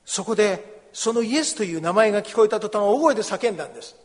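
A high-pitched man preaches a sermon as a pastor, walking through a scripture passage. He brings it to life by acting out the pleading and scolding voices of the people in the story. His voice rings with the long reverb of a hall. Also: animated, fast talker. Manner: explains scripture, acts out the beggar's and crowd's cries.

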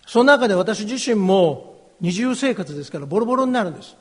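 A middle-aged pastor with a high, husky voice delivers a slow, earnest, confessional testimony. His words ring out with a long hall reverb behind them. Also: lively intonation. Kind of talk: personal testimony sermon.

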